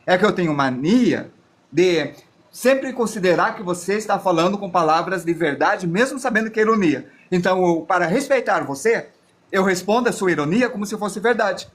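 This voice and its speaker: A man's voice: high voice, animated, normal speed. A man, teaching a live drawing lesson and chatting as he thinks aloud while he draws.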